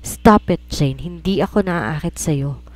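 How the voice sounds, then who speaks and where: Woman playing a cold drunk young man, cutting and loud, storybook romance. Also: low voice, takes it slowly. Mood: angry.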